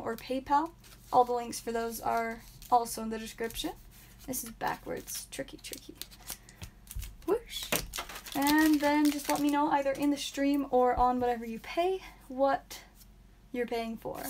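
A young woman hosting a live stream from a small home room, chatting casually and naming each card aloud with bursts of excitement. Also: sits high, noisy background. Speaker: live stream host opening card packs.

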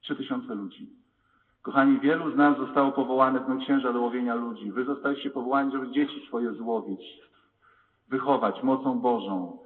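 A man, a priest, preaching a lively sermon in a large church, acting out the voices he quotes. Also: mid-range voice, normal speed, recorded from a distance. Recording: tinny lo-fi church recording with long reverb. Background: long church reverb.

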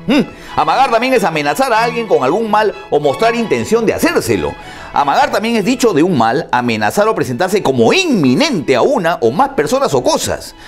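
Un hombre con acento peruano que presenta un espacio de radio y televisión. Lee definiciones de diccionario, se hace preguntas y las responde, y deletrea las palabras. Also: male voice, high-pitched, big pitch swings, a little fast, faint music behind. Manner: asks himself questions, then answers them; spells words out and notes their accent marks. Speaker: radio and TV host explaining word meanings. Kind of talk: reading dictionary definitions on air.

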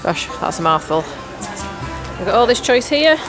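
A woman's voice: fairly high pitch, very animated, normal speed. British woman, thirties, casual family vlog, handheld camera, background music. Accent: British English. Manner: chatty, upbeat, talking to the camera. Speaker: family vlogger. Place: holiday lodge and indoor shops. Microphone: handheld camera at arm's length.

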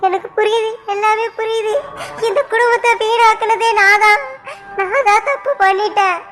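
Give me a tearful, pleading young village wife, voiced by a woman in a very high voice for a cartoon. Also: fairly even intonation, normal speed, a bit bright, faint music behind. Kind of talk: Tamil family cartoon voice acting.

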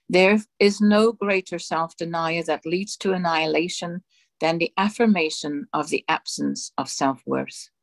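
A woman minister reads a sermon aloud in a slow, solemn, measured voice. Her pitch sits somewhat low, and the recording is dry and close with no room sound. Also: vocal fry, no echo. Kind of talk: sermon reading of spiritual dictations.

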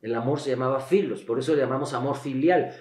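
A man's voice: mid-range voice, fast talker, darkish tone. Emphatic man in echoey room. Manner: emphatic, teacherly, blunt and colloquial. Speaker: guest expert on the Bible and sexuality. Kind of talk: explanatory interview talk.

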